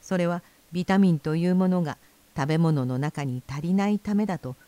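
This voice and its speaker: A woman's voice: fairly low pitch, fairly quick, no echo, lightly acted. A woman doing a blustering fat rich man. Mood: lecturing. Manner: blustering, shouting threats. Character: fat, greedy rich man, quick-tempered.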